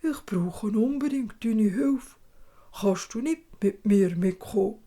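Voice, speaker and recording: A woman with a Swiss German accent voicing an old grey-bearded dwarf who speaks in a hushed, earnest way. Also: mid-range voice, lively intonation, slow pace.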